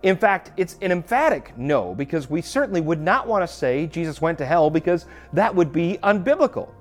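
A man preaching a sermon as a pastor, telling a personal story in an animated, conversational way. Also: a little high, a little fast.

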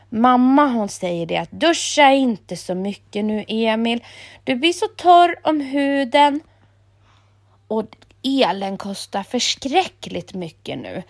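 A woman calmly reading a children's story aloud in a gentle storytelling manner. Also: mid-range voice.

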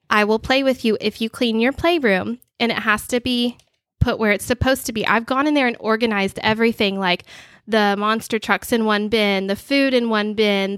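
A woman's voice: fairly high pitch, a bit bright, no room sound, clean studio sound. A woman in her thirties co-hosting a podcast, telling family stories in casual chat and acting out the quotes. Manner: chatty storyteller, acts out quotes. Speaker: podcast co-host.

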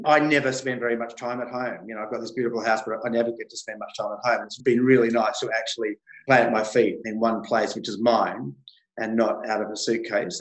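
A man's voice: medium pitch, reverberant, low-quality recording. An Australian man chatting expressively as a guest in a casual interview.

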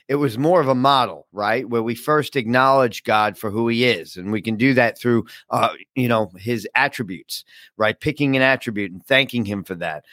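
A man's voice: medium pitch, a bit bright, dry recording. A man pastor teaching a daily Bible study podcast in a casual, conversational way with many fillers, his voice groggy.

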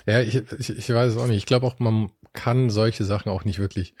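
A man's voice: on the low side, fairly even intonation, a little fast, darkish tone, slightly rough, no echo. A man hosting a podcast, chatting and reflecting in a loose conversational way. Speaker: podcast host.

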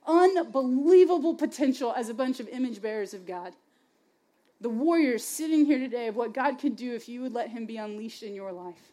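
Brief: young adult female youth speaker, conversational sermon, passionate, slightly high-pitched, casual filler words. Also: fairly quick, warm tone. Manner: passionate, chatty, heavy use of "like" and "y'all". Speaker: speaker at a youth faith gathering.

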